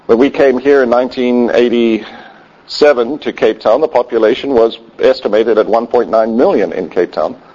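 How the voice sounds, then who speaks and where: A man's voice: medium pitch, moderate pace, warm tone. A man preaching a sermon in a conversational way with wry asides. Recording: dull lo-fi sound.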